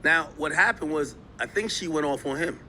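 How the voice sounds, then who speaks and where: A man streaming live, commenting on clips and talking straight to his chat in an animated, emphatic way. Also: a little high, normal speed, slight background noise. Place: New York.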